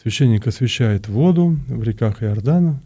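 A man's voice: mid-range voice, animated, normal speed, mellow, husky. A man, a priest being interviewed, explains things conversationally, often repeating words and searching for his phrasing. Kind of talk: conversational explanation, answering questions.

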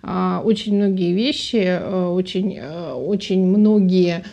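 A woman's voice: lowish voice, takes it slowly, vocal fry, warm tone. A woman speaking as an expert guest on a live radio talk show in a studio, thoughtful and hesitant with many filler sounds.

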